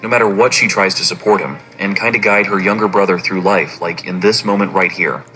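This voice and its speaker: Deep-voiced man narrating a theory. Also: fairly even intonation, a little fast, pushed and bright, soft background music, poor audio. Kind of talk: scripted narration.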